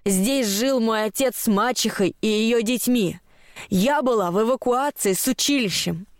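A woman voicing a spiteful, trembling old woman who hisses her words slowly and menacingly. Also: no echo, clean studio sound, lightly acted. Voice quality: hissing, slow and low.

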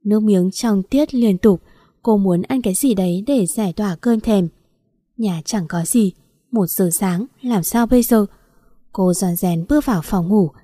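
A woman narrating a romance story in an even, measured storytelling manner. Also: mid-range voice, no room sound, clean studio sound.

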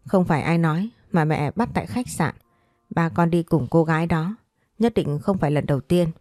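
A woman's voice: sits low, moderate pace, dark tone, no echo, clean studio sound, natural voice. A woman voicing a middle-aged mother who has just caught her cheating husband, tearful and furious, scolding shrilly. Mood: bitter scolding.

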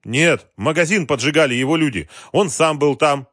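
A man's voice: on the high side, normal speed, fairly bright tone, no room sound, studio quality, pitched above the performer's own voice. Brief: male reader as an anxious defensive underling, strained and raised voice. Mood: guarded. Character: nervous scheming male henchman.

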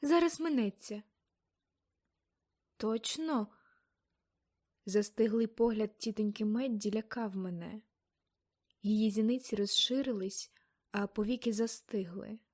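A woman narrating an audiobook novel in a measured, expressive reading. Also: medium pitch. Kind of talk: scripted narration.

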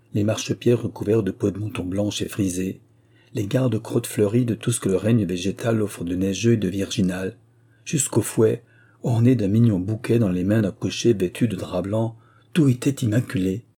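A man reading a novel aloud in scripted narration, measured and even. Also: on the low side, breathy edge. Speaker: audiobook reader.

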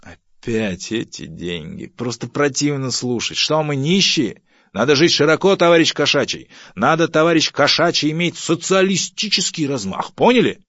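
A man voicing a stingy, pompous middle-aged husband who lectures about thrift and turns shrill when provoked. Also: very animated, a little slow, vocal fry, few pauses, fairly bright tone, dry recording, full character voice. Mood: bossy. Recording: dull, dry audiobook recording.

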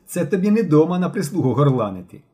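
A man's voice: a little high, big pitch swings, quick pace, dark tone, voice pushed up. A man voicing a firm, decisive schoolboy. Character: earnest schoolboy leader Mishko, firm.

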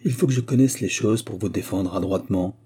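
A man's voice: lowish voice, brisk, dark tone, husky. A man reading the part of a smug, married middle-aged notary who presses his suit with cajoling questions. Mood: wheedling.

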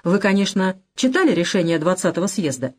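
Curt middle-aged official, male, read by a woman, lively delivery, storybook reading. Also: on the low side, brisk. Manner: brusque, lecturing.

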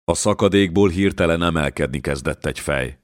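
A man reading a historical novel aloud as an audiobook narrator, measured and steady. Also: low-pitched, dry recording, clean studio sound. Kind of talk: scripted narration.

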